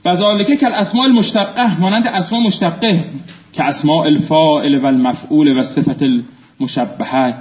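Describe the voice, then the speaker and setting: Animated male teacher in an echoey classroom. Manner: animated, quizzing students, swinging between loud prompts and low asides. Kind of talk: classroom lecture with call-and-response drilling. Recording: echoey room, muffled lo-fi sound.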